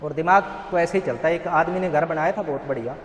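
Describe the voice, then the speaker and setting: A man's voice: a little high, fast talker, muffled recording. A man giving an earnest motivational talk at a rehab center, telling a parable and asking rhetorical questions. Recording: echoey hall.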